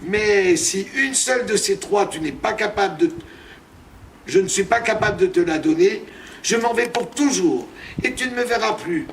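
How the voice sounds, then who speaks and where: A man's voice: high-pitched, animated, normal speed, a little hiss or hum. A male storyteller voicing a sour, spiteful female witch who sneers and mocks, in a live told tale. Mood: scornful. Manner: sneering and mocking. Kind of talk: oral storytelling performance. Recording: distant mic, faint background ambience.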